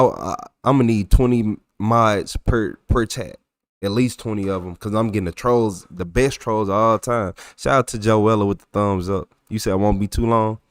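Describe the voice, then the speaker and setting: Casually chatting on a livestream, a young adult man with a thick Texas accent reacts to messages from his chat. His voice is on the low side, at a moderate pace. The sound is studio quality without echo.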